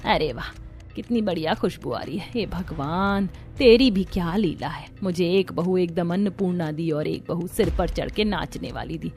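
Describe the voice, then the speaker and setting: Cartoon mother-in-law, middle-aged, scheming, muttering low, put on by a woman. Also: moderate pace, a little mellow, soft background music, natural voice. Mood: pleased.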